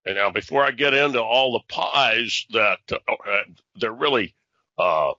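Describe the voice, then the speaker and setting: A man's voice: fairly low pitch, a little slow, sharp tone, no echo, highs cut off. A man co-hosting a discussion show, explaining at length with many fillers and restarts. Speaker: podcast co-host, analyst. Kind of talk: casual discussion.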